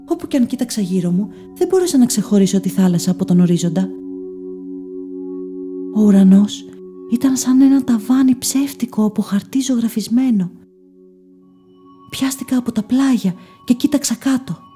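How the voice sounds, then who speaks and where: A woman giving first-person scripted story narration in a soft, measured, dreamy way. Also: a little high.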